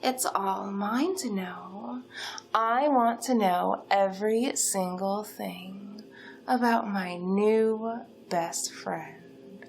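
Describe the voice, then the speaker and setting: A woman's voice: medium pitch, very slow, gravelly. A woman playing a possessive supernatural yandere kidnapper in a role-play monologue, gushing sweetly with unhinged menace. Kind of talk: dramatic second-person role-play monologue.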